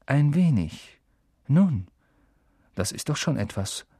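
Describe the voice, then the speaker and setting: Man voicing a melancholy centaur, slow solemn sighing delivery, low somber tone, evasive, audiobook character. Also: animated, warm tone, no echo, studio quality.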